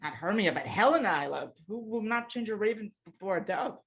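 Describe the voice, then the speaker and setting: Ardent young suitor in a stage play , a woman in the role, mid-pitched, declaims verse. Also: animated, a little fast, lightly acted. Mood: infatuated. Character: ardent young male lover, earnest. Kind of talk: Shakespearean stage acting.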